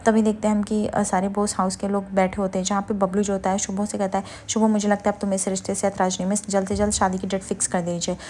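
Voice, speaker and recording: A woman rattles through a serial's plot at a quick clip, quoting one character after another. Her pitch barely moves, so the delivery sounds flat and even. She sounds casual, and she stumbles on fillers as she goes. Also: a little hiss or hum. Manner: rapid retelling with fillers, quotes each character in turn. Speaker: serial recap narrator. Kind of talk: casual story recap.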